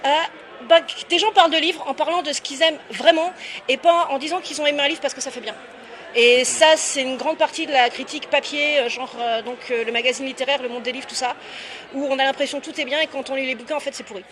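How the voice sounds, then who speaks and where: A woman's voice: sits high, fast. A young adult woman author answering interview questions casually and candidly, with lots of hesitations. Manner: lively, candid, many hesitations. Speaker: author guest.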